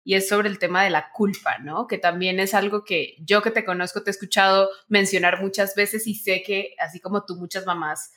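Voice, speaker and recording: A woman's voice: mid-range voice, steady tone, normal speed, hardly any pauses, fairly bright tone. A woman who hosts a podcast and asks a guest questions in a casual way. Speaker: podcast host. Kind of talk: interviewing, casual.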